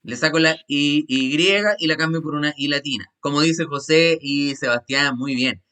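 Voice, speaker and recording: A man's voice: fairly high pitch, normal speed, sharp tone, clean tone. A man teaching an English class over a video call, patiently repeating grammar rules step by step. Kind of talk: online class explanation.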